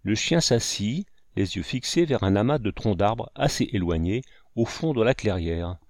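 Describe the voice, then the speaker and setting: Low-voiced man narrating an audiobook. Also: animated, normal speed, no echo, clean studio sound. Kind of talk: scripted narration.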